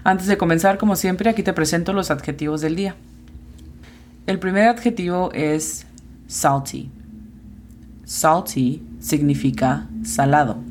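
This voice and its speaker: A woman who hosts a podcast where she teaches English, giving slow and careful explanations and spelling out pronunciations. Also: fairly low pitch, a little hiss or hum. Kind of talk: podcast language lesson.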